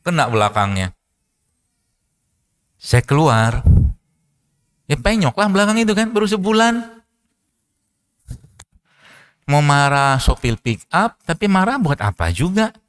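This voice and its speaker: Animated man telling stories in a lecture. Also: on the high side, measured pace, long pauses, clean tone. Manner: storytelling, animated, laughs often. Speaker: preacher and doctor. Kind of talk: casual religious lecture.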